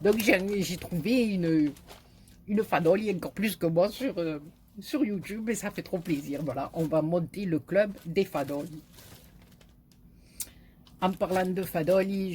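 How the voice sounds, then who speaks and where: A woman's voice: sits low, mellow, slight background noise. Chatty southern French woman, rambling. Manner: chatty, rambling, frequent fillers and laughs. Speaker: YouTube crafter. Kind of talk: casual chat to camera.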